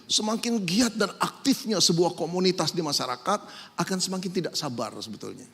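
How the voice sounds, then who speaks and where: Animated man preaching in a hall. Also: on the high side, breathy edge. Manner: animated preaching, swinging from loud emphasis to soft asides. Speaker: pastor. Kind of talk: sermon. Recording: echoey hall with long reverb.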